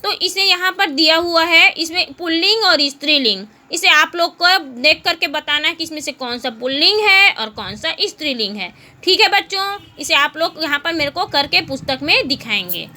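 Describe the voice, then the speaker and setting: A woman teaching a Hindi class to children, patiently asking questions and answering them herself, repeating words slowly. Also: extremely high pitch, animated, sharp tone. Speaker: school teacher.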